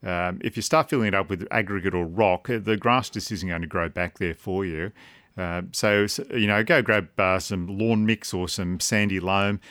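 A man's voice: low voice, fairly even intonation, moderate pace, fairly bright tone, no room sound, clean studio sound. An Australian man chatting casually and informally as a gardening expert on a radio call-in. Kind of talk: casual advice chat.

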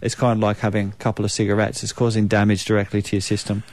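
A man with a New Zealand accent speaking as a naturopath guest, explaining in a measured way with frequent ums. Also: lowish voice, level tone, no room sound. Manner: measured, explanatory, many um fillers. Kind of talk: conversational expert interview.

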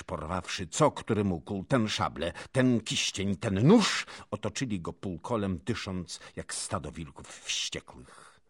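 A man narrating an audiobook with a dramatic, expressive delivery. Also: low-pitched, slightly rough, no room sound, studio quality. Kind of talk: audiobook reading of a historical novel.

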